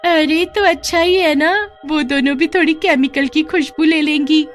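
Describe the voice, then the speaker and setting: Shrill sneering rich girl in a cartoon, woman puts her on, very high and loud. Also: lively intonation, moderate pace, soft background music. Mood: scheming. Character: spoiled haughty schoolgirl bully.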